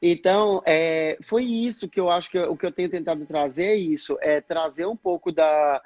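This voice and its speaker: A man's voice: on the high side, normal speed, darkish tone, no room sound, muffled recording, faint music behind. A Brazilian man, a speech therapist, explaining in a livestream interview and acting out past conversations, with a Brazilian Portuguese accent. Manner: earnest, explanatory, acts out past dialogues.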